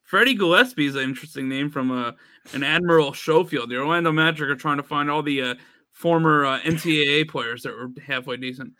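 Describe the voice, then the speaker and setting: Higher-pitched guy on a sports podcast, bright voice, dry close sound, teasing. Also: a little fast, no echo. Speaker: podcast co-host. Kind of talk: casual chat.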